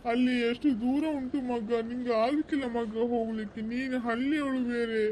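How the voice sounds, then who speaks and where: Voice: mid-range voice, fairly even intonation, normal speed, a little mellow, a little hiss or hum, natural voice. Someone voicing a tearful cartoon village father. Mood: tender. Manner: emotional, repeating "son/child" endearments.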